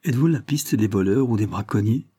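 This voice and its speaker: A composed, kindly gentleman lawyer from a storybook, as a male reader voices him. His voice sits low and dark with a husky grain, close and dry. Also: lively intonation, a little fast, dry recording. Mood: courteous.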